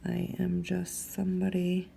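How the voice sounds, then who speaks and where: A young adult woman, hoarse from allergies, giving a relaxed, chatty tattoo tutorial while she works. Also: on the low side, a little slow, a little hiss or hum. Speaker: tattoo instructor. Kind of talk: casual tutorial demo.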